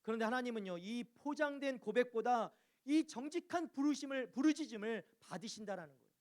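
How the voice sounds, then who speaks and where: A man's voice: extremely high pitch, lively intonation, a little fast, a little mellow. A male pastor preaching a sermon, addressing the congregation with repeated questions and acting out anguished cries to God. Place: church.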